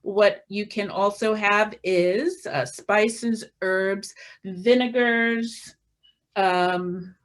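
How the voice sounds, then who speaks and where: A woman giving an informal health talk, slowly listing foods one by one with frequent fillers and showing items from her pantry. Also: medium pitch, fairly even intonation. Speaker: health presenter.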